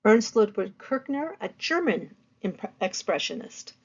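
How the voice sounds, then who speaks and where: A woman teaching an art history lecture in a conversational way, often pausing with ums and uhs and restarting her sentences. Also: medium pitch, sing-song, breathy edge, muffled recording.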